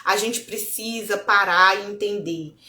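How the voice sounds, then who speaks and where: A self-development speaker from Brazil delivers a relaxed motivational talk in a mid-range, unhurried voice with reverberation around her. Speaking Brazilian Portuguese, she is expressive, plays out her own inner dialogue, and addresses viewers as "gente."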